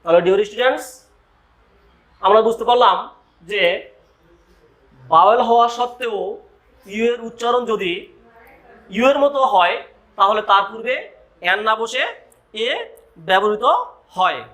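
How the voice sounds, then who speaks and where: Spelling out each letter, a male English teacher works through a grammar lesson at a slow, deliberate pace. His voice is high with a bright edge, and he peppers his explanations with rhetorical questions aimed at his students.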